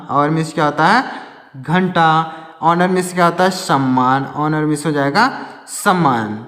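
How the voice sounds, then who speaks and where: A man's voice: sits high, fairly bright tone. Guy teaching english words in hindi, keeps asking and repeating, long echo like a big room. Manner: repeats each word and quizzes the viewer with questions; points at words written on a board. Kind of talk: Hindi-language English lesson. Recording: echoey room with long reverb.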